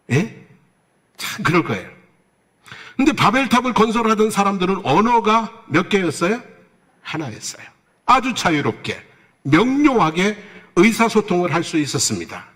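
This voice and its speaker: A man's voice: high voice, fairly bright tone. A man preaching a Sunday sermon as pastor, who asks his congregation questions and answers them himself, with playful asides. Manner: tells jokes with playful asides.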